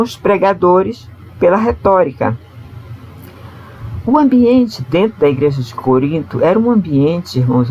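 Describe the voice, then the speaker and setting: A man with a Brazilian Portuguese accent teaching an adult Bible class at church. He speaks earnestly, often calls his listeners brothers, and ends many phrases with a questioning tag. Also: on the high side. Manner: earnest, addresses listeners as brothers, frequent "né?" tags. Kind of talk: church Bible study lecture.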